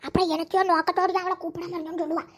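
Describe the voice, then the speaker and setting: A woman's voice: very high-pitched, little pitch movement, rapid-fire, a crowd in the background. A woman playing a scolding role in a comic village sketch, stammering when flustered. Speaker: comedy sketch performer.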